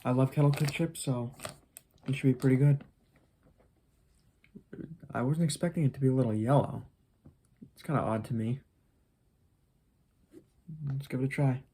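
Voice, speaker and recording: A food review host chatting casually in a low-key, hesitant, unhurried way. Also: steady tone, dark tone, slightly rough. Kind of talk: casual snack review chat.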